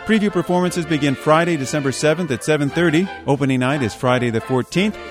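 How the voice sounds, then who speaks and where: A man's voice: fairly high pitch, quick pace. A man in his forties hosting a radio arts program, playful in conversation and then reading scripted announcements, with music playing under his voice. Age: 40s. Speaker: radio arts show host. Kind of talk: radio interview and show outro.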